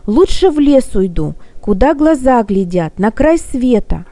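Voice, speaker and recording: A woman's voice: a little high, very animated, measured pace, warm tone, no echo. A woman voicing a frightened little orphan girl who pleads through her tears. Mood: tearful. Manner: pleading, tearful.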